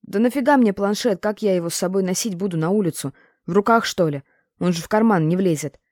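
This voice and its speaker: A stubborn young boy pleads and sulks, earnest and defensive, as a woman reads him aloud. His voice sits a little higher than the narrator's usual dark, mellow tone. The sound is close and dry. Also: fast talker, no echo, lightly acted. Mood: sulky.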